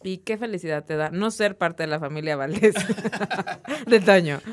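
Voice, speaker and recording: A woman's voice: fairly low pitch, measured pace. A young woman with a Mexican accent co-hosting a podcast, playful and teasing, laughing often. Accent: Mexican Spanish. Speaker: podcast co-host. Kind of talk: casual podcast chat.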